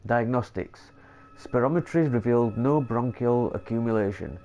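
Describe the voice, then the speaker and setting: A man with a cold talks through a horror game in relaxed let's play commentary, his mid-range voice darkish in tone and moving at a moderate pace. Reading notes aloud, he fumbles the longer words, sounding congested throughout.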